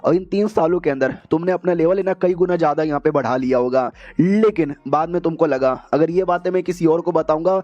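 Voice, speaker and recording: A man's voice: fairly high pitch, a little fast, hardly any pauses, darkish tone, no room sound. A man narrating an anime recap in a chatty, slangy way. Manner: chatty, slangy, laughs at the story. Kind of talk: casual storytelling recap. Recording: dull lo-fi recording.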